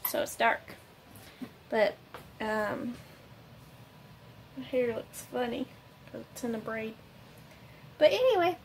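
This vlogger's voice sits high, with slight background noise, as she talks to camera on a phone held at arm's length in her kitchen and in a parked car. She's tired and congested, a bit nasal, and rambles casually with plenty of fillers.

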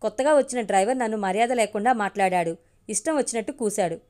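A woman's voice: mid-range voice, fast, darkish tone, close to an everyday voice. A woman voicing a lazy middle-aged brother-in-law in a storybook reading, angry and threatening. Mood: blustering.

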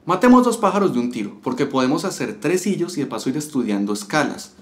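Guitar teacher with a fairly high voice. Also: male voice, sing-song, quick pace. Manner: counts rhythm syllables aloud. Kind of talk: step-by-step music lesson. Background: guitar playing.

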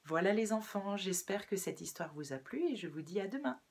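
A woman reading a storybook aloud for children, telling it gently and expressively with a breathy voice. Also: mid-range voice, animated, fairly quick.

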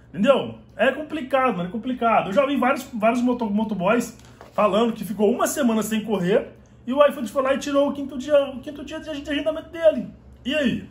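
High-voiced animated Brazilian man vlogging. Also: roomy sound. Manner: animated, gesturing, slangy, repeats "mano". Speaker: delivery rider vlogger. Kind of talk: casual vlog talk to camera. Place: small home room with computer desk. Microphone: phone held at arm's length.

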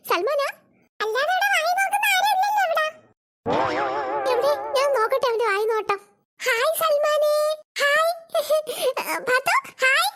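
Very high squeaky little cartoon schoolgirls, chattering and giggly. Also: fairly bright tone, full character voice. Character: chattering young schoolgirls, cheeky and gossipy. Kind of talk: cartoon voice acting.

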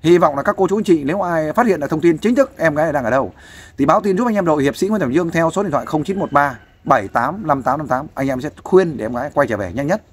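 A man's voice: a little high, lively intonation, quick pace, husky. A man giving fatherly, persuasive advice in a casual interview, often asking for agreement. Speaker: volunteer counselor interviewing a guest.

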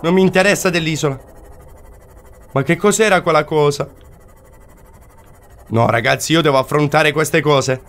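A man's voice: fairly high pitch, normal speed, pauses often, fairly bright tone. A man commentating his own video game play, exclaiming and repeating short phrases over and over. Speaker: gaming commentator.

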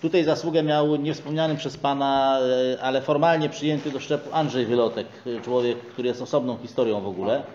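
A middle-aged man in the audience of a small lecture room, asking a question with halting pauses and fillers, picked up by a distant camera. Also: medium pitch, steady tone, darkish tone. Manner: hesitant, many fillers, halting. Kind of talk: question from the floor. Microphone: far camera. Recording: muffled, faint hiss.

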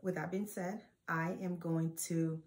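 Forties woman, lower-pitched, casual chatty vlog host, talks to camera in a sewing room. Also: fairly even intonation, measured pace, a little mellow. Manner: chatty, with frequent fillers and restarts. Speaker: quilting channel host. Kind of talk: casual show-and-tell vlog.

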